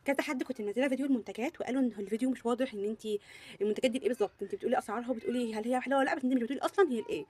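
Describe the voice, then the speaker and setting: Young Egyptian woman, beauty vlogger, gushing and repetitive, high husky voice. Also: racing, darkish tone. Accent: Egyptian Arabic. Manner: gushing, repeats words for emphasis. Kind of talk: casual product review.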